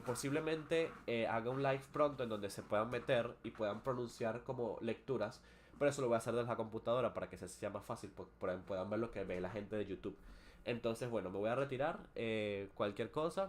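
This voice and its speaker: A man's voice: medium pitch, a little fast, slight background noise. A man teaching English on a live stream, talking loosely with many fillers and restarts as he explains words and their pronunciation. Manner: switches between Spanish and English, explains pronunciation with hesitant fillers.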